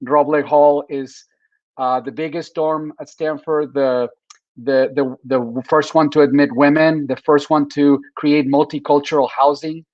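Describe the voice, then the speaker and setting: Humble Mexican-accented man, flat delivery. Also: fairly high pitch, measured pace, no echo, lo-fi sound. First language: Spanish. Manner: humble, restarts often. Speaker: guest speaker. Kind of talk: casual conversational storytelling.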